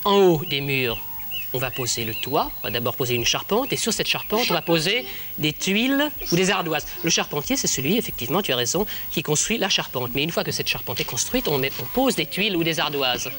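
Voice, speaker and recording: A man's voice: on the high side, very animated, brisk, pushed and bright, a little hiss or hum. A man playing a kindly, reassuring presenter in a children's television show, encouraging and didactic, often repeating himself. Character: kindly, reassuring male friend and teacher.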